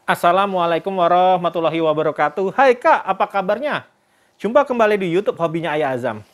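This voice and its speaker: Chatty man vlogger, slightly high voice. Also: expressive, a little fast. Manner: chatty, addresses viewers as "Kak"; religious greetings and expressions. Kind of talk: casual vlog storytelling.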